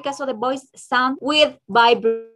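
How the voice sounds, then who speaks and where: A woman teaching English in an online class, switching between Spanish and English and drilling sounds slowly with exaggerated repetition. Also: sits high, music in the background.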